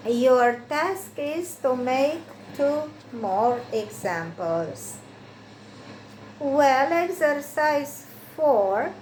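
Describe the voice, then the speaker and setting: An animated woman with a high voice and darkish tone, a Romanian native, carefully reads English learning exercises at a slow pace and answers each. The sound is reverberant, with a faint hiss.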